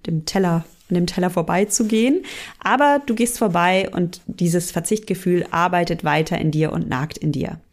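A woman coaching on mindful eating, speaking gently and directly to the listener and sometimes acting out inner voices with sighs. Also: fairly low pitch. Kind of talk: coaching podcast monologue.

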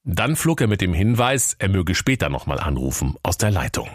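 A man tells a parody fairy tale with dry, deadpan timing. His voice is low. The sound is close and dry. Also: moderate pace, no room sound. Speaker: narrator. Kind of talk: comic fairy-tale narration.

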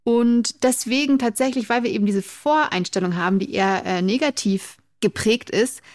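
A woman's voice: fairly high pitch, normal speed, no echo, studio quality. A woman co-hosting a casual podcast, explaining things in a chatty way and laughing easily. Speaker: podcast co-host, memory trainer.

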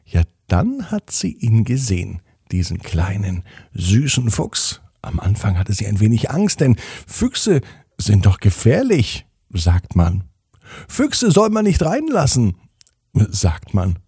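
A man reads a children's story aloud, his voice swinging widely in pitch as he tells it. His tone is mellow and a little husky. The sound is close and dry. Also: takes it slowly, no room sound. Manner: gentle, expressive storytelling with playful pitch swings.

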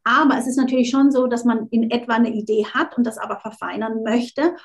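Steady in tone and fairly quick, a woman with a high voice talks casually as a coach being interviewed. Not a native German speaker and unsure of the language, she restarts words frequently and drops in English phrases.

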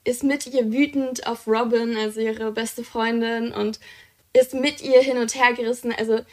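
A young woman co-hosts a casual podcast, chatting enthusiastically about books she loves and using plenty of fillers. Her voice is on the high side and a little mellow, with a steady tone and a moderate pace.

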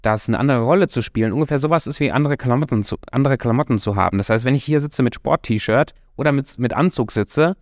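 A man's voice: medium pitch, fast talker, few pauses, darkish tone, no echo, clean studio sound. A man giving a motivational talk as a coach, speaking directly and encouragingly to the listener and stretching his key words.

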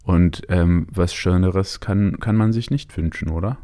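Male interview guest, low register, British English accent in German, halting casual delivery sprinkled with English words. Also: dark tone. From Canada and England.

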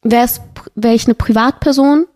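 A woman's voice: on the high side, moderate pace. A young adult woman, a podcast guest, telling a painful personal story with feeling in a casual chat. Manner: emotional, animated storytelling.

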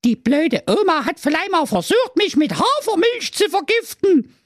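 A man voicing a quick-tempered evil fairy woman in a comedic storybook, with a shrill, scolding voice. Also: big pitch swings, dry recording, clean studio sound.

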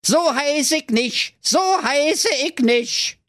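A narrator voicing an ugly little evil male company doctor, squeaky, bossy and gloating. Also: lively intonation, takes it slowly, fairly bright tone, no echo, clean studio sound, heavily acted.

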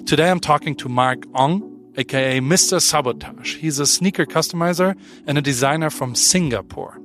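A man's voice: a little high, moderate pace, a bit bright, soft background music. A man hosting a podcast, chatting casually and teasing his guest in a playful way. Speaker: podcast host. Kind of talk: casual interview chat.

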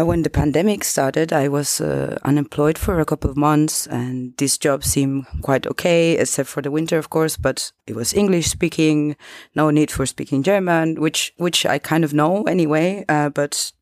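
A woman's voice: low-pitched, a little mellow, dry recording. Young woman guest, hesitant delivery, dry voice. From Chile. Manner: hesitant, many fillers and restarts, laughs lightly. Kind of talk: casual interview answer.

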